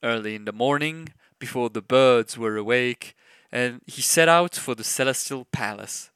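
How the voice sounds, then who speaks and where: A man reading a storybook tale aloud, slowly and expressively, adding little sound effects. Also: medium pitch, fairly bright tone, smooth, no echo. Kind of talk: storybook read-aloud narration.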